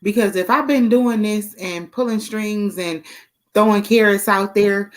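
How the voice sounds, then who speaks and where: A woman's voice: medium pitch, a little slow. A woman co-hosting a casual chat show over a video call, laid-back and joking. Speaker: podcast co-host.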